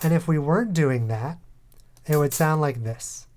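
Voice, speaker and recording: A man hosting a music production tutorial, calmly talking through each step in a voice-over. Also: a little high, moderate pace. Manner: calm, methodical step-by-step explaining. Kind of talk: tutorial voice-over over a screen recording.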